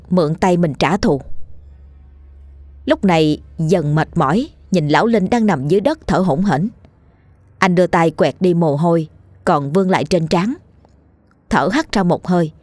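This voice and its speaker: A woman reading a ghost story in an even, measured way. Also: fairly low pitch, no echo. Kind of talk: scripted ghost story narration.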